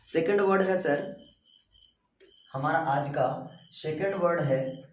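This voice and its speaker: A man runs a vocabulary lesson at an unhurried, deliberate pace, with a fairly high voice for a man. He stretches out each word for the class to repeat. The room is echoey, and he sits some way off the mic. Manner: slow, drawn-out pronunciation drills, spelling words letter by letter; addresses viewers as sir and bhai. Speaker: English vocabulary teacher. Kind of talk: Hindi vocabulary lesson with repeat-after-me drills. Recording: roomy echo, voice from a distance.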